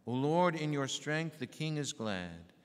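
A man leading a church service as priest, reciting prayers and readings in a measured, solemn way. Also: on the high side, animated. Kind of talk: liturgical recitation. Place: large church. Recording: echoey church hall.

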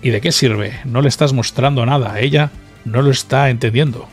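Persistent young game hero, read plainly by a man, earnest and calm. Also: mid-range voice, moderate pace, faint music behind, close to an everyday voice. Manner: earnest, pleading.

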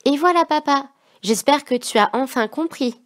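A woman's voice: normal speed, no room sound, studio quality, close to an everyday voice. A woman doing a chirpy bossy little girl. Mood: excited. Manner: high chirpy child voice.

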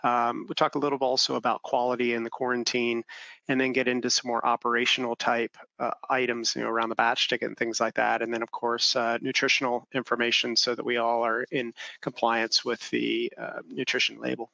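A man presenting a business talk off the cuff, stopping often for ums and restarting his sentences. His voice has a gravelly fry and a bright edge, with a dry, close sound. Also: medium pitch, level tone, a little fast, no room sound, muffled recording. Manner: hesitant, many ums and restarts. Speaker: software company founder presenting.

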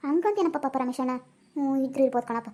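A squeaky scolding cartoon grandma. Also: animated, warm tone. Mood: apologetic. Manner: scolding, rapid chatter. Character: scolding old village grandmother. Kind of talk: cartoon comedy voice acting.

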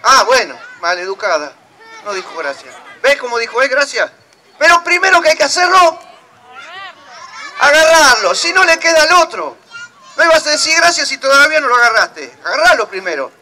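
A man's voice: very high voice, big pitch swings, a little fast, bright, forceful tone. A man with a Rioplatense Argentine accent, a puppeteer teaching a workshop and joking playfully with children. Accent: Rioplatense Argentine Spanish. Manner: playful, teasing banter with children. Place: outdoor town square. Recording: outdoor crowd and street noise.

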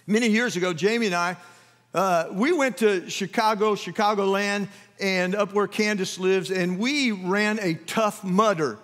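Man, pastor, sermon, high-pitched, folksy storytelling, long church reverb. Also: unhurried, a bit bright. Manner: folksy storytelling with many asides. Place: large church hall.

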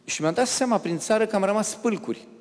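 Animated man lecturing in a hall. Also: high-pitched. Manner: animated anecdotes, acts out quoted characters. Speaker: speaker giving a public lecture. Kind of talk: storytelling lecture with audience Q&A. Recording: long reverb of a lecture hall.

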